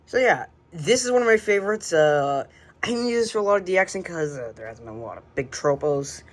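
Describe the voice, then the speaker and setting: Brisk and lively in intonation, a mid-range voice leads a casual, unscripted tour of a radio collection at home by the shelves. The hobbyist rambles and hesitates, frequently trailing off, and the home recording is noisy.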